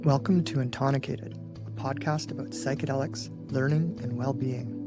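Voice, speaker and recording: A male podcast host with a gravelly, creaky voice and a middle pitch. He reads his intro and asks questions in a measured, polite way. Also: fairly even intonation, over music. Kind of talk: podcast interview and scripted intro.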